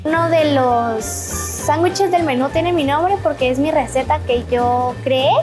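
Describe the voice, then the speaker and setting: Teen girl from guatemala, cooking show contestant, high voice, eager, music in the back. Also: measured pace. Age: teens. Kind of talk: interview.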